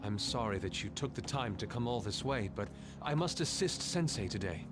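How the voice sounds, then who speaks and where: A man acts out a proud young male art student from a video game, an anime rival with formal, theatrical diction. His delivery swings widely in pitch and is fiercely loyal in temper. Clear music plays behind him. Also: animated, moderate pace, natural voice. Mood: earnest, formal. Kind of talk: English video game voice acting.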